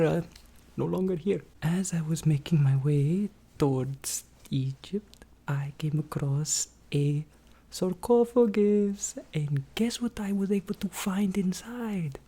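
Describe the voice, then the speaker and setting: Woman acting out a husky, low Nosferatu, ASMR role-play. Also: heavily acted. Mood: boastful, secretive. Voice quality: husky, breathy, slipping in and out of soft voice. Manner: theatrical, chatty, rambling, drawn-out exclamations. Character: eccentric boastful vampire Nosferatu, well-travelled and excitable. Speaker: ASMR performer.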